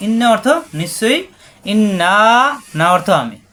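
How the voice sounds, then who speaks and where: A man leads a word-by-word tajweed lesson in a notably high voice. He patiently repeats each syllable and stretches recited words into slow chant. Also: sing-song, fairly bright tone. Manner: patient, repetitive drilling of syllables, slows and sings out recitation. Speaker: Quran recitation teacher.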